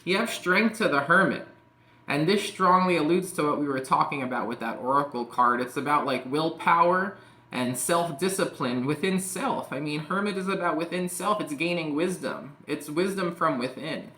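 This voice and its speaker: A man's voice: on the high side, moderate pace, bright, forceful tone. A man giving a casual tarot reading, rambling and peppering his talk with "like" and "you know". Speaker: tarot reader. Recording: echoey room.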